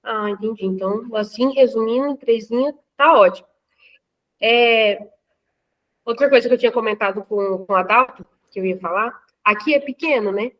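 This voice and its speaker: Hesitant Brazilian woman, slightly high voice. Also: normal speed, lo-fi sound. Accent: Brazilian Portuguese. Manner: hesitant, many fillers and restarts. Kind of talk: casual discussion in a lecture.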